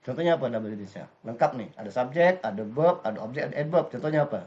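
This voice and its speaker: A man's voice: medium pitch, animated, rapid-fire, a little mellow. A man teaching an English grammar lesson step by step, often stopping to quiz his class. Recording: dull lo-fi recording.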